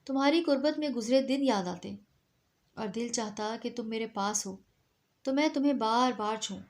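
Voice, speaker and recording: Brooding proud young man, confrontational, lightly higher tone, read by a woman. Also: lightly acted. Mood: earnest. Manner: confrontational, then earnest. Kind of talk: storybook reading.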